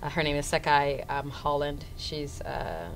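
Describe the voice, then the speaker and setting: A woman from Florida with a Haitian family, a stage actor talking casually in an interview and pausing often with many ums. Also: low voice, animated, slight background noise, rough recording. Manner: hesitant, many ums, idealistic.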